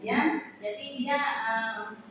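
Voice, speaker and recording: A woman's voice: on the high side, steady tone, very slow, phone-quality sound. A woman teacher giving a workshop presentation to colleagues, explaining step by step and often adding a questioning "ya". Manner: explanatory, frequent tag "ya", acts out teacher phrases. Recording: roomy hall, far from mic, faint noise.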